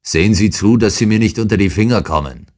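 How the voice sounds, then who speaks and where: A man voicing a huge, brutal older man in an audiobook, talking in a rude, shouting, insolent way. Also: low voice, normal speed, pitched above the performer's own voice, close to an everyday voice. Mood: threatening. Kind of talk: audiobook character reading.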